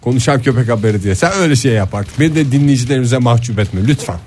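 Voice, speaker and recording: A man hosting a morning radio show, tossing in quick playful quips and teasing questions. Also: mid-range voice, animated, a little mellow, soft background music. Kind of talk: joking morning radio banter.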